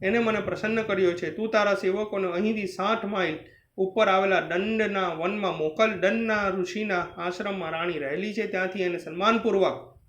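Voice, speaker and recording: A man voicing a calm benevolent god. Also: high-pitched, moderate pace. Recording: roomy, slightly dull recording.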